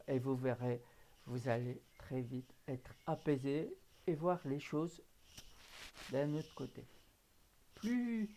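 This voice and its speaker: Slow, hesitant man. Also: mid-range voice, darkish tone, a little hiss or hum. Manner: hesitant, many fillers and restarts; earnest and emotional. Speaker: hypnotherapist vlogger. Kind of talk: casual direct-to-camera talk.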